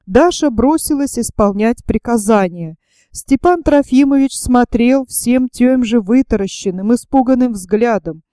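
A woman reading a classic novel aloud as an audiobook, with expressive, dramatic narration. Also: on the high side, a little slow, no echo, studio quality.

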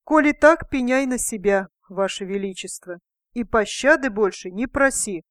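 A woman's voice: fairly high pitch, moderate pace, no echo, studio quality, natural voice. Woman doing a bold peasant man. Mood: mocking. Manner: pleading, later mocking. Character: peasant man, humble then defiant.

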